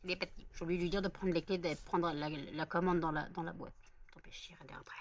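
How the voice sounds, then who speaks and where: A woman's voice: on the low side, fairly even intonation, fast, a little hiss or hum. A woman chatting casually in a home vlog, rambling with many fillers and self-corrections. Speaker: vlogger. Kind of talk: casual daily vlog chat.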